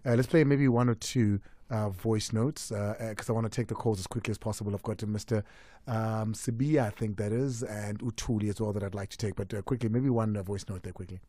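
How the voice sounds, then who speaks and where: A man hosts a live radio interview from a studio, speaking into a close mic with headphones on. His voice sits on the low side and the sound is dry. He gets animated and repeats words as he asks his questions. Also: brisk, no room sound. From South Africa. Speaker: radio host.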